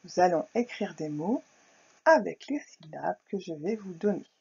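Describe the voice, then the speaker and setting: A woman teaching a recorded phonics lesson to young children, speaking slowly and clearly, sounding out words syllable by syllable. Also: fairly low pitch, lively intonation, warm tone. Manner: slow, carefully articulated, syllable by syllable. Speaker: primary school teacher. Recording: dull lo-fi recording.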